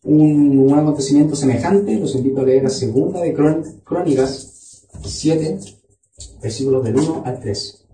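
A man preaches a Bible study, reading scripture aloud to his congregation. His voice is dark and mellow, and it comes from a distance in a roomy, echoing church hall. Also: fairly high pitch, normal speed. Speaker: pastor. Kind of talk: sermon. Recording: echoey room, voice from far off.

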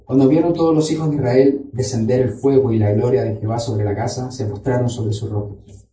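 A man's voice: medium pitch, fairly even intonation, fairly quick, dark tone. A man preaching a sermon as a pastor, teaching a Bible study and reading scripture aloud. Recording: echoey room, voice from far off.

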